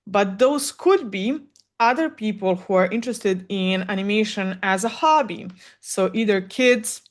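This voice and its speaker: With a medium-pitched voice and a slightly slow pace, a woman from Serbia whose first language is Serbian coaches on animation content. In a solo Q&A advice talk, she speaks candidly and thinks aloud, relying on frequent fillers.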